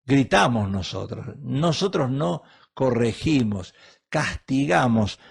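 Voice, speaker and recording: A man's voice: mid-range voice, lively intonation, takes it slowly, creaky, husky. A middle-aged man preaching a sermon as a pastor, emphatic and full of rhetorical questions.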